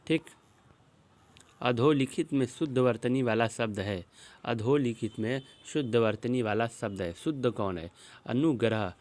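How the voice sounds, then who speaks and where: A man teaching an exam-prep lesson, working through spelling questions shown on a screen and slowly repeating each word as he explains it. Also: medium pitch, a little mellow.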